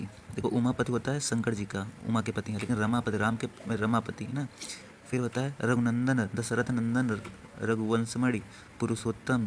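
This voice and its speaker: A man teaching exam vocabulary in an even, steady voice. He repeats each word and keeps asking questions that he answers himself. Faint noise sits under the recording. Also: medium pitch. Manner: repeats words, quizzes listeners, answers own questions. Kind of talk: exam-prep Hindi vocabulary lesson.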